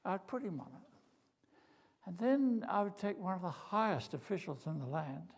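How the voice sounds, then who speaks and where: A man's voice: sits high, very animated, moderate pace, creaky. An older man from Australia preaching a sermon, telling a story with drama, humor and acted quotes. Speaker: pastor. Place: church.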